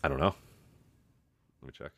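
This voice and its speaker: A man co-hosting a podcast in casual banter, with an offhand, informal and sometimes sweary manner. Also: normal speed. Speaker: podcast co-host.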